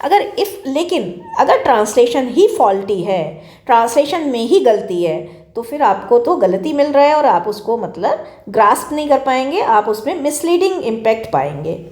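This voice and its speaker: An Indian woman teaching a class, her voice pitched high. She works through each point slowly in Hindi threaded with English terms, taking the English phrases especially carefully. The sound has a noticeable echo from the room. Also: sing-song, darkish tone. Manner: explains in Hindi mixed with English terms, slow deliberate English phrases. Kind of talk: classroom lecture. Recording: echoey room.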